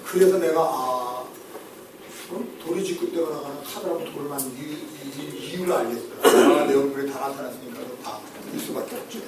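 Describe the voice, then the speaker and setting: A high-voiced man teaches a room full of listeners about personality types, lively and full of jokes, checking in with them again and again. The recording is distant and echoes hard around a hall. Steady noise sits beneath him. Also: fairly quick. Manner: animated, joking, asks the audience for agreement. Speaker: lecturer. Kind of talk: personality-type lecture to an audience. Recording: echoey hall, voice from far off, noisy.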